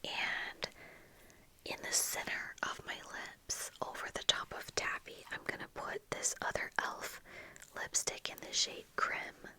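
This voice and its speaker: An ASMR video creator, a woman in her thirties, whispers softly and breathily in a casual chat, pausing unhurriedly as she does her makeup. She sits in a small, dim indoor room with bookshelves, close to a fur-covered microphone on her desk that she monitors through earphones.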